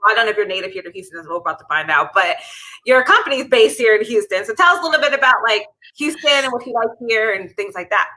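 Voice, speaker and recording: A woman's voice: a little high, expressive, fast, bright, forceful tone, rough recording. A woman from Pittsburgh hosting a casual live interview show, bubbly and rambling, laughing often. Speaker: livestream show host.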